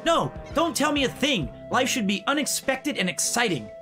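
A man's voice: very high-pitched, sing-song, normal speed, music in the background, voice pushed up. A man voicing a young male would-be pirate who is squeamish and dryly sarcastic. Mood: wry. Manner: dry, sarcastic asides.

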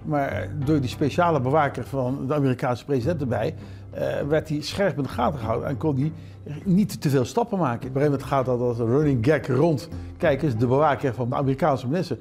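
A man's voice: mid-range voice, quick pace, gravelly, darkish tone, soft background music. An older man, a former minister, speaking hesitantly with many fillers in an interview at home. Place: indoor home.

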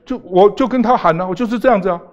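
A man's voice: high-pitched, rapid-fire, muffled recording. An older man, a talk show guest arguing emphatically and firing off rhetorical questions. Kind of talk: political talk show debate.

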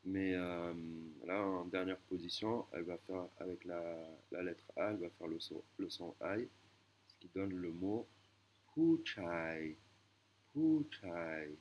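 A man teaching a language lesson, explaining slowly with hesitations and self-corrections. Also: low voice, flat delivery, muffled recording, a little hiss or hum.

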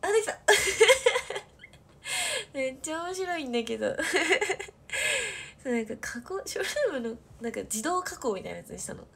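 Chatting from her bedroom at night, a young woman streamer has a high, sing-song voice with a breathy edge and vocal fry, talking quickly with hardly any pauses. She's soft-spoken and chatty, often dropping to whispers and laughing frequently.

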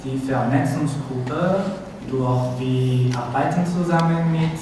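A man giving a panel talk in halting, broken German, searching for words. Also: medium pitch, fairly even intonation. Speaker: activist panel speaker. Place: large meeting room, table microphones on a panel. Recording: very echoey noisy hall, from far off.

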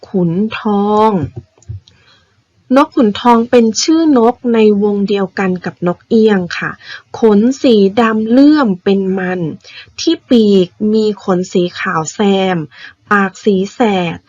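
A woman primary school teacher patiently explaining vocabulary words to young children, spelling them out slowly. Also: medium pitch, lively intonation, a little mellow, no echo, dull audio. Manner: patient, spells words out slowly, ends phrases with polite particles.

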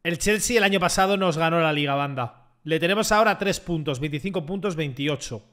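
A young man commenting excitedly on his own football video game match, joking and shouting at big plays. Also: a little high, a little fast. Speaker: gaming streamer.

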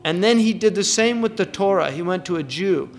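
A man's voice: high-pitched, animated, fairly quick, soft background music. An older man giving a thoughtful religious lecture as a teacher, often repeating words and reciting verses.

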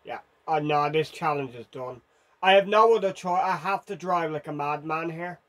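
A man's voice: fairly high pitch, normal speed, a bit bright. Frantic man narrating his own gameplay. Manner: frantic, self-mocking, urgent. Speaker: gaming video host. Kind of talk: live gameplay commentary.

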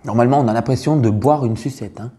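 A man's voice: medium pitch, fast talker, dark tone, lightly acted. A man playing a brash, crude female farmer with a Burgundian accent in a comic sketch. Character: brash middle-aged female farmer from the countryside. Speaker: taste-tester.

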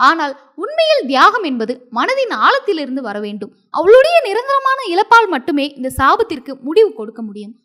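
A woman's voice: extremely high pitch, huge pitch swings, moderate pace, fairly bright tone, full character voice. A woman voicing the mysterious spirit voice of an enchanted pond, speaking solemnly and commandingly in a storybook tale.

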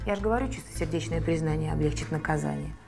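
A sarcastic police investigator. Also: female voice, low-pitched, fast talker, vocal fry, music in the background. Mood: stern. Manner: sarcastic, pressing. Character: stern female police investigator.

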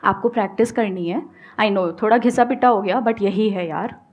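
The audio sounds dull as a woman in her thirties with an Indian accent, a guest English-speaking coach, speaks at medium pitch and moderate pace. Using a headset mic on an indoor studio stage with a live audience, she gives an emphatic, animated motivational talk, gesturing often and mixing Hindi with English.

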